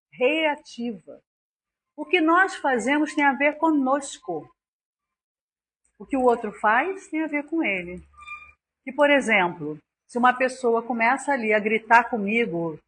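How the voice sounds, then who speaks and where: A woman's voice: sits high, a bit bright, slightly rough. A woman with a Brazilian accent giving a spiritual lecture on forgiveness, earnest and acting out little scenes in quoted voices. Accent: Brazilian Portuguese.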